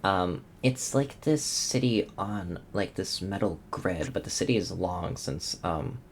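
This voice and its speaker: A man's voice: low-pitched, a little slow, slight background noise. A man narrating a tabletop game as game master, casual and hesitant with many ums.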